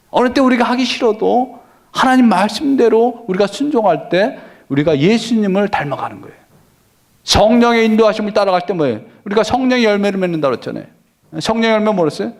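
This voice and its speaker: High-voiced man preaching a folksy sermon. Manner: folksy, asks the congregation questions and answers them himself. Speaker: senior pastor. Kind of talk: conversational sermon.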